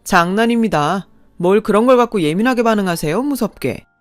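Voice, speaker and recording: A woman's voice: mid-range voice, expressive, fairly quick, no echo, soft background music, lightly acted. A woman voicing a smug, condescending young brother-in-law with a sneering, mock-polite way of talking.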